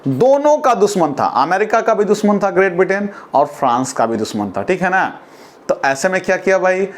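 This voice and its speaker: A man teaching a history lesson to students, speaking in Hindi and switching to slow, carefully spaced English sentences, often asking and answering his own questions. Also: high voice, sing-song. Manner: explains in Hindi, then reads English lines slowly and deliberately.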